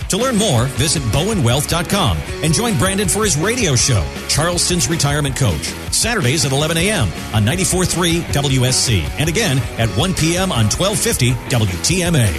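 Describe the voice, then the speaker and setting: A man's voice: a little high, very animated, fairly quick, hardly any pauses, music in the background. A man reading a scripted podcast outro as an announcer. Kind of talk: scripted promotional read.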